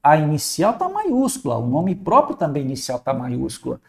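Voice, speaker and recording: A man's voice: a little high, wildly swooping pitch, moderate pace, creaky. A man with a Brazilian Portuguese accent teaching an exam-prep lesson, talking conversationally and pointing out examples on screen. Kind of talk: recorded online lesson.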